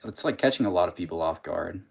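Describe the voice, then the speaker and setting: A man's voice: sits low, expressive, fast talker, creaky, husky. A man chatting casually as an interviewer, with an informal, sweary, teasing manner. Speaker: interviewer chatting with tournament winner. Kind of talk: casual banter.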